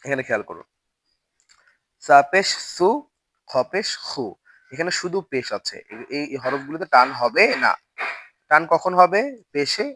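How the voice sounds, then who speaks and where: A man's voice: medium pitch, fairly bright tone, slight background noise. Man drilling Arabic letter sounds steadily. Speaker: Quran reading teacher. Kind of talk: online recitation lesson.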